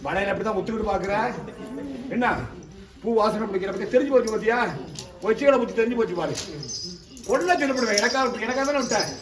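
High-voiced man shouting commands, echoey. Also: fast, long pauses, a crowd in the background. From Tamil Nadu. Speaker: temple priest performing an exorcism. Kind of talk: ritual exorcism, scolding the spirit. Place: temple, outdoors or open hall. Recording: echoey, distant mic, noisy.

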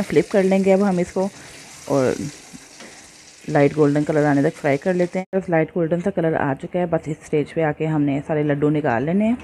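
With a low-pitched, dark voice, this cooking channel host explains every step of a home recipe to her viewers, friendly and patient, addressing them often and blending in English words. There is slight background noise.

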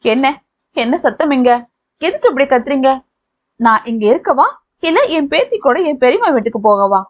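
A woman doing a feisty, quarrelsome old grandmother. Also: expressive. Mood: quarreling. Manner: shrill, quarrelsome, quick.

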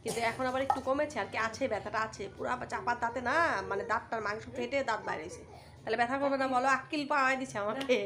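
A woman's voice: on the high side, rapid-fire, crowd noise. A middle-aged woman chatting casually to her viewers in a home vlog, her face swollen from toothache. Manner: chatty, animated, addresses viewers as brothers and sisters. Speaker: village vlogger.

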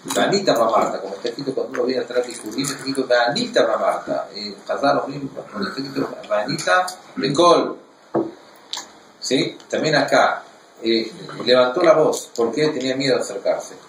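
A man teaching a Torah class, reading verses in Hebrew and explaining them in an animated way. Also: mid-range voice, moderate pace, reverberant, recorded from a distance, background noise.

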